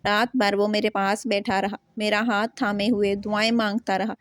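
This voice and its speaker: A woman storyteller reading a romantic novel aloud at a steady, even pace. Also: mid-range voice, no room sound, studio quality.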